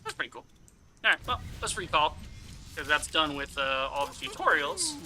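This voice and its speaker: Bright, forceful male game streamer. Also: a little high, wildly swooping pitch, moderate pace, slight background noise. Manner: rambling, thinking aloud; casually profane. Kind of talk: casual first-impressions game commentary.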